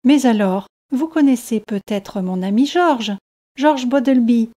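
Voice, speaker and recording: A woman's voice: a little high, unhurried, mellow. A woman voicing a cheerful Englishman visiting the French seaside, friendly and eager with his questions.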